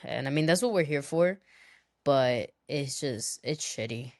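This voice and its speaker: A woman's voice: a bass voice, expressive, measured pace, no echo, clean studio sound. A young woman co-hosting a podcast, blunt and teasing, swearing casually. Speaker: podcast co-host. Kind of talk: casual chat.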